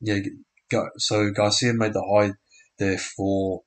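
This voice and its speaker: A man's voice: lowish voice, flat delivery, slow pace. A young man casually commenting on a live match stream, often unsure of players' names and correcting himself. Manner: unsure, self-correcting, frequent restarts and fillers.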